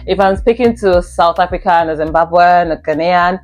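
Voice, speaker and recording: On her first vlog, a young woman from Nigeria talks casually and earnestly to camera in a Nigerian accent, with faint music behind. She has a lowish voice, speaks a little fast, and repeats herself for emphasis.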